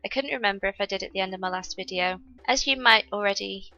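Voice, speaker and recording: A young woman gaming YouTuber, still getting over a cold, talks fast in a medium-pitched, pushed and bright voice with vocal fry. She chats casually through her gameplay, explaining each step to viewers, and the recording sounds muffled.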